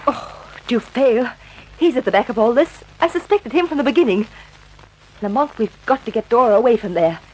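A woman's voice: a little high, animated, moderate pace, darkish tone, breathy edge, low-quality recording. A woman playing an anxious, loyal sleuth's companion, urgent and pleading in vintage radio drama style. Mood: worried, urgent.

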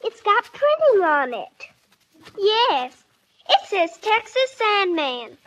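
A woman's voice: very high-pitched, very animated, slow, full character voice. A woman playing a mischievous little girl who teases her daddy in singsong child talk, in an old-time radio comedy. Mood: mischievous, teasing. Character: mischievous little girls teasing their sleeping daddy. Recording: noisy, muffled vintage radio recording.

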